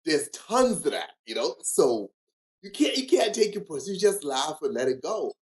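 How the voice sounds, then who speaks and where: A Bahamian man with a fairly high, sing-song voice chats casually in an interview as a guest bartender. He speaks at a normal speed in a relaxed, rambling style, saying "you know" a lot.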